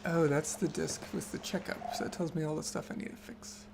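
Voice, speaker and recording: A man's voice: fairly high pitch, steady tone, brisk, gravelly, background noise. A young man casually commenting while he plays a video game, reminiscing and losing his train of thought. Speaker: let's play host. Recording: loud game music behind.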